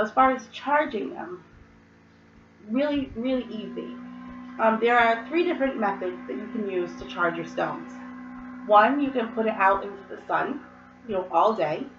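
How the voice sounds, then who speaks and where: A woman with a slight cold gives a casual how-to talk, rambling through fillers and side remarks. She sits some way from the mic, so her voice sounds distant and a bit muffled. The room echoes around her, with a faint hiss underneath. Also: medium pitch. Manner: chatty and rambling, with many fillers and asides. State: hoarse from a cold, occasional coughs. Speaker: host. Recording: roomy, distant, dull mic.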